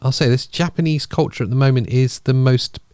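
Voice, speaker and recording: A man, co-hosting a casual podcast chat in a relaxed, agreeable way. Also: mid-range voice, fairly quick, no room sound, studio quality. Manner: relaxed, agreeable, frequent short assents. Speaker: podcast co-host. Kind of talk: casual chat reacting to a game trailer. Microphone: studio podcast mic.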